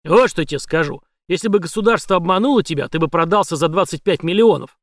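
Guy doing a bully cop chief with a gun, barking loud and pitched up, dry close sound. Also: fast, no room sound, natural voice. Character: menacing armed male police chief, bullying.

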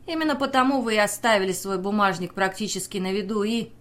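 A woman's voice: mid-range voice, fast, a bit bright, natural voice. A woman reading a desperate pleading young sailor. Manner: pleading, accusing, intense. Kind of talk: audiobook character reading.

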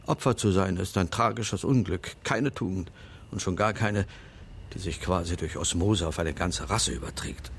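In this radio play, an older man takes the role of a feeble aging lawyer with a wary, sardonic edge and a stern, pointed mood. He speaks in a deep voice with deliberate, formal precision, and faint background noise can be heard.

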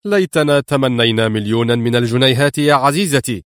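A man's voice: mid-range voice, lively intonation, fairly quick, no echo, clean studio sound, natural voice. A man reading an audiobook and voicing a cool, sarcastic adult male hero.

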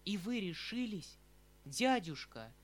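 A man's voice: high-pitched, big pitch swings, slow, voice pushed up, full character voice. A man reading an anxious young nephew. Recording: faint background music.

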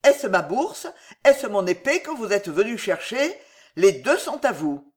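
A fervent young count, pouring out devotion to a friend, a little louder than the narration, as the reader puts him on. The voice rises and falls in a lively way. An audiobook character read with plain warmth. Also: mid-range voice, a little slow.

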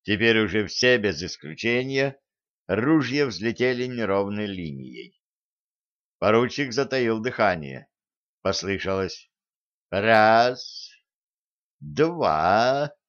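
A man narrating an audiobook in a measured storytelling manner. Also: fairly low pitch, lively intonation, a bit bright. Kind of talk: scripted narration. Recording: slightly dull recording.

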